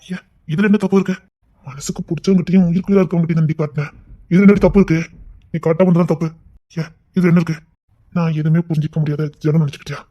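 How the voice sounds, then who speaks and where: A man voicing a brooding young man in an audio love story, speaking in a husky half-whisper. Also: a little high, fairly even intonation, rapid-fire, warm tone, highs cut off, close to an everyday voice. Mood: defensive.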